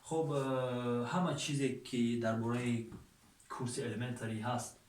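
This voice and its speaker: A man's voice: mid-range voice, level tone, slight background noise. Tajik man teaching, echoey and distant. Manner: plain, patient explanations with frequent fillers. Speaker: English teacher. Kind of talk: teaching an online course. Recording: echoey room from far off.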